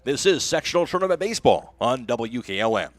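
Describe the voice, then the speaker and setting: Brisk and sing-song, this American radio announcer's medium-pitched voice delivers live baseball play-by-play. He speaks broadcast-style into a close microphone, and there's no room sound.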